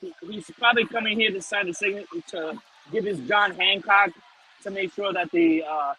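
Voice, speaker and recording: A man's voice: sits high, normal speed, bright, forceful tone, slightly rough, rough recording. A man co-hosting a casual sports fan discussion in an emphatic manner. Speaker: sports show co-host. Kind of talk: casual baseball fan talk. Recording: noticeable background ambient noise.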